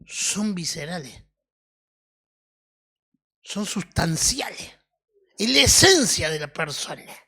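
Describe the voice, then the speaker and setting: A woman with an Argentine accent preaching a sermon in a deliberate teaching tone, often checking in with her listeners. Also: fairly low pitch, sing-song, sharp tone, slightly rough. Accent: Argentine Spanish. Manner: deliberate, teaching tone with frequent questioning "mm?" tags.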